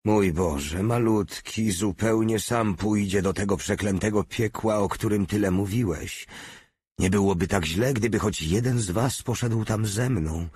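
A man's voice: on the low side, measured pace, a little mellow, husky. A man voicing a simple-minded, hulking soldier who talks about himself in the third person, read as an audiobook character. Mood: pleading.

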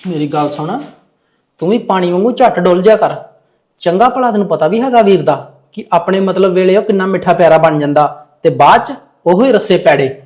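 A man acting as a stubborn younger son who keeps bickering with his family. His voice sits very high for a man, and the words tumble out fast and argumentative. It is a family drama scene. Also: lively intonation, darkish tone. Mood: sullen. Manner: argumentative, sulky.

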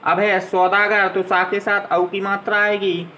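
A man's voice: high-pitched, little pitch movement, unhurried, pushed and bright, a little hiss or hum, low-quality recording. A man teaching a grammar lesson to young children, patiently spelling out letters and vowel signs one at a time.

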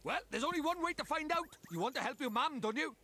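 An actor with a Welsh accent playing a small, cheeky, bossy fairy creature in a video game, chirpy and theatrical. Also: male voice, extremely high pitch, lively intonation, quick pace, bright, forceful tone, heavily acted. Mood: chirpy, instructive.

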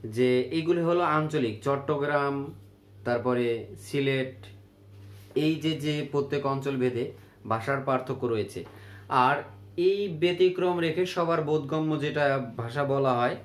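A man's voice: a little high, roomy sound. A man teaching a grammar lesson to students, asking questions and then answering them himself.

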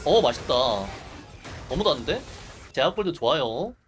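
A man's voice: a little high, very animated, moderate pace, soft background music. A man livestreaming casual gameplay commentary, reacting in short muttered exclamations and asides into a close mic.

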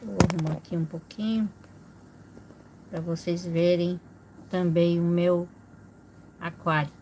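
Slow-talking woman greeting her live viewers. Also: fairly low pitch, fairly even intonation, darkish tone, a little hiss or hum, low-quality recording. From Brazil. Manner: slow, chatty, greets viewers by name with frequent small laughs. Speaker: livestream host. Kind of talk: casual live chat reading viewer comments. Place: indoor home room with a fish tank.

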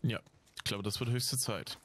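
A man's voice: mid-range voice, fairly even intonation, moderate pace, fairly bright tone, slight background noise. A man giving casual, chatty, musing Let's Play commentary as he plays. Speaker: gamer.

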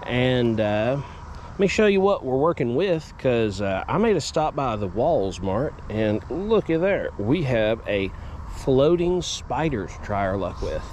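A young fishing vlogger with a drawl talks in a mid-range voice at a measured pace, folksy and rambling, livening up when the fish bite. The audio sounds dull, with a little hiss or hum. He begins outdoors at a pond and ends up indoors at home.

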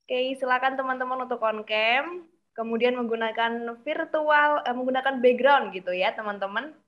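Female moderator, friendly, reads viewer questions, higher voice over a dull video call. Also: moderate pace. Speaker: class moderator. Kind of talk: hosting an online class.

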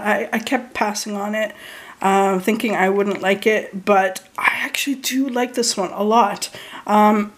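A woman vlogger chatting casually through a beauty product haul, halting often with ums, restarts and throat clearing. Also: fairly high pitch. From Canada.

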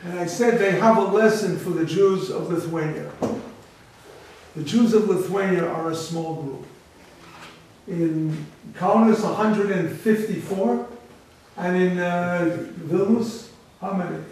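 Man, rabbi, public lecture, high voice, unhurried, emphatic. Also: a little mellow, slight background noise. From United States. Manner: emphatic, rhetorical questions. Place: large echoey library hall. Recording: echoey hall from far off.

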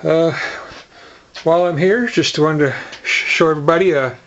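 A man calmly talking through a home radio antenna build, halting and full of fillers and restarts. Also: on the high side, echoey room. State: out of breath. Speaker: amateur radio hobbyist. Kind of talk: casual filmed project walkthrough. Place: house, moving between rooms. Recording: dull lo-fi with clear noise.

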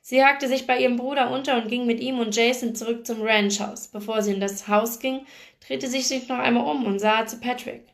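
A woman reading a novel aloud in a steady, expressive way. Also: a little high, brisk. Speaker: book reader.

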